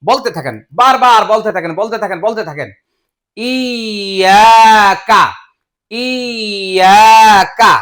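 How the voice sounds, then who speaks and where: A man teaching Quran pronunciation step by step, patiently drilling each syllable again and again with drawn-out sounds. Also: high voice, animated, sharp tone. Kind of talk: slow step-by-step pronunciation lesson.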